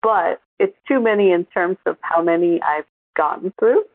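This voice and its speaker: Woman with a gravelly low voice. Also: normal speed, no echo. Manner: chatty, laughs easily, many fillers. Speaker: podcast co-host. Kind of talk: casual chat. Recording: tinny phone-like line.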